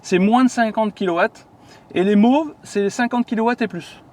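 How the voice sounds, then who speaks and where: A man's voice: high-pitched, normal speed, a little mellow. A man, hosting and casually explaining electric cars to a colleague, chatty with many fillers. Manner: chatty, many fillers, asks viewers questions.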